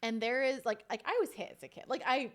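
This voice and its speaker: A woman's voice: a little high, fairly even intonation, quick pace, a bit bright. A young woman and mother, a podcast guest, telling personal stories candidly and often veering off topic. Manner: candid, rambling storyteller who veers off topic. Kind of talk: casual chat.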